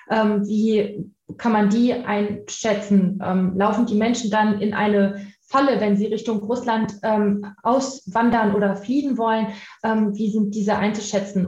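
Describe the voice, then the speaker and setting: A woman's voice: medium pitch, darkish tone. A woman putting semi-spontaneous questions to a discussion panel, hesitating and rephrasing as she goes. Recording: echoey room, slightly dull audio.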